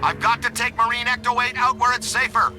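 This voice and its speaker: An actor playing Ray, an eager, anxious, friendly ghost hunter in a video game, earnest and urgent. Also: male voice, extremely high pitch, little pitch movement, a little fast, over music.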